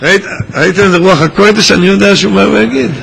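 High bright-voiced teasing man. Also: creaky, rough recording. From Israel. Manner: teasing, joking, calls out to individuals in the crowd. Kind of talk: lively gathering talk to students. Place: large synagogue hall at a gathering.

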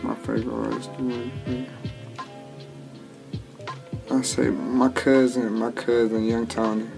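The audio is poor as this twenty-year-old rapper drawls through interview answers in his small home studio, a music bed playing underneath. His medium-pitched voice is creaky and level, unhurried, and peppered with slang and restarts.

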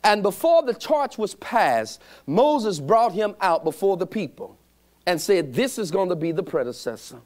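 A middle-aged man preaching in a church sanctuary, his voice sitting a little high and swinging widely between rising calls and low asides. He stretches out key phrases and throws questions to the congregation for them to answer back. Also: very animated, darkish tone. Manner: call-and-response preaching, drawn-out emphatic phrases. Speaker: pastor. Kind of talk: sermon.

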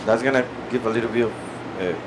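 A man's voice: medium pitch, fast talker. A man in his forties hosting a cooking segment, eagerly echoing and finishing the chef's words in a small restaurant kitchen. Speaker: host. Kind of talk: cooking show banter. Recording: noisy kitchen background.

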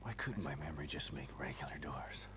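A bold, brooding game hero, a weary American ex-detective. His gruff voice sits extremely low, with clear noise behind it. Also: animated, brisk, pushed and bright, exaggerated voice. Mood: musing, weary. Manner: bold, brooding heroic delivery. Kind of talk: video game acting. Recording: game audio under clear background noise.

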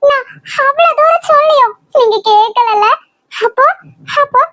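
A woman voices a desperate young pregnant wife in a cartoon drama, pleading tearfully and stammering in Kanyakumari Tamil. Her voice is very high-pitched at normal speed, recorded at studio quality with no room sound.

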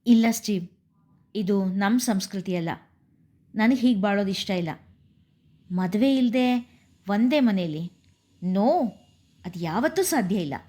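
A woman voicing a calm, firm young woman who holds to tradition. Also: medium pitch, a little slow, long pauses.

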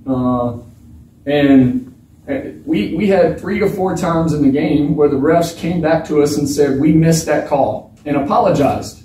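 A man in his thirties, a football quarterback, answering reporters at a post-game press conference in a frank, halting way with many restarts. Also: a little high, warm tone, slight background noise. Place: small press room with bare walls. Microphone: table mic, filmed from across the room. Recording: echoey room from a distance.

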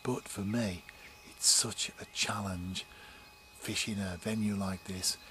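A man's voice: on the low side, fairly even intonation, slow pace, fairly bright tone, a little hiss or hum. A man in his forties vlogging from a canal bank at dawn, speaking into a close camera mic in a chatty, upbeat way that often drops to a near whisper. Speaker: angler vlogger. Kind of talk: casual outdoor vlog commentary. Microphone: camera mic at close range.

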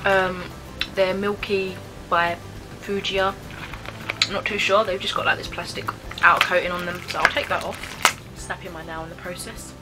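A woman's voice: lowish voice, level tone, moderate pace, loud music behind the voice, rough recording. A British woman in her twenties giving casual, chatty taste-test commentary, thinking aloud with some hesitation. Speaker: vlogger reviewing snacks. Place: small bedroom, indoors.

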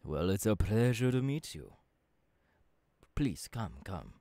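A man playing an eager, kindly professor mentoring an apprentice in an ASMR roleplay, with halting, dramatic pauses. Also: fairly low pitch, big pitch swings, creaky, dark tone, no room sound, heavily acted. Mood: eager, welcoming. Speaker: voice actor, ASMR artist.

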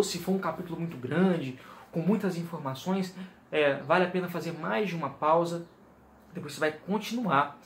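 A man's voice: a little high, echoey room, slight background noise. A man with a Brazilian accent hosting a channel, explaining his reading method in a casual, instructive way and checking in with viewers. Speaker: channel host giving reading tips.

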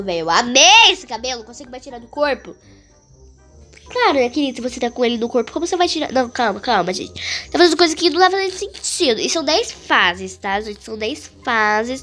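Brazilian gaming YouTuber, female, high and animated, slangy running commentary. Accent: Brazilian Portuguese. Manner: chatty, excitable, full of slang. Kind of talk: casual gameplay commentary.

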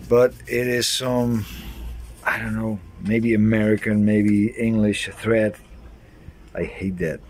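Outdoor noise and an ambient rumble fill this clip of a middle-aged sailing vlogger, who films himself on a handheld camera at arm's length. Moving between a harbor boatyard and a boat deck, he mixes relaxed vlog chat with a DIY explanation.

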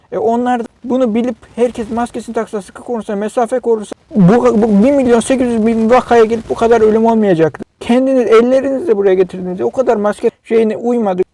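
High, gravelly man ranting angrily. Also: dark tone. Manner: agitated, scolding, ranting. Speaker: vlogger. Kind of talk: angry monologue to camera.

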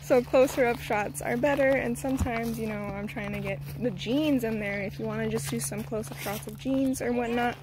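A woman's voice: steady tone, moderate pace, few pauses. A young woman vlogging outdoors in a garden, chatty and a bit flustered, slightly out of breath as she gives tips. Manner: chatty, slightly flustered, switches to high sing-song when coaxing her toddler. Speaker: vlogger and mother. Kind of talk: casual outdoor vlog with tips. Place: outdoors in a garden, under a tree.

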